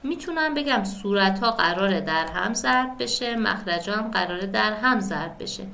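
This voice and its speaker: A woman's voice: mid-range voice, animated, gravelly, bright, forceful tone, slight background noise. A woman teaching a math lesson step by step, often checking in with her students by asking "right?". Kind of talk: step-by-step classroom explanation.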